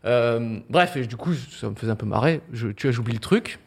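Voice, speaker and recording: A man hosting a casual chat, animated and laughing, acting out quotes. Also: mid-range voice, a little fast, creaky, breathy edge.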